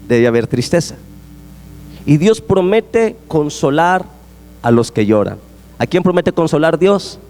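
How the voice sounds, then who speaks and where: A man preaching a sermon as a pastor, emphatic and repetitive, his voice swinging high and low. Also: a little mellow. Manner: emphatic, repetitive preaching, rising and falling sharply. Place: church sanctuary. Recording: echoey church hall.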